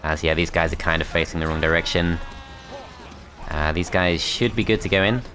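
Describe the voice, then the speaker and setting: A man's voice: low voice, moderate pace, fairly bright tone. A man commentating his strategy game as he plays, thinking aloud in a tentative, self-critical way. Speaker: gameplay commentator.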